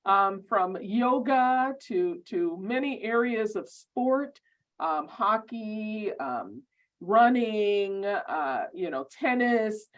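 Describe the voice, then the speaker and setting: Brief: woman program host, slow and halting with lots of ums, muffled video-call sound. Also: medium pitch, expressive. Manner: halting, many ums and repeated words. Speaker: law school program administrator. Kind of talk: welcoming remarks at an online orientation.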